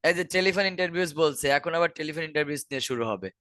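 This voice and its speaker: A man's voice: fairly high pitch, very fast, a bit bright, no echo. A man with a Bangladeshi accent teaching an online exam-prep class, explaining answers step by step and repeating key words. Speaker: IELTS teacher.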